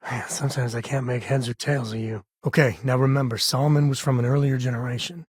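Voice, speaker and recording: Man playing Sam Coe, husky folksy space cowboy. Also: medium pitch, fairly even intonation, fast, dry recording, clean studio sound, close to an everyday voice. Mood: wry, easygoing. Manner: folksy, wry, conversational. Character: easygoing, wry space cowboy pilot and father. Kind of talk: video game voice acting.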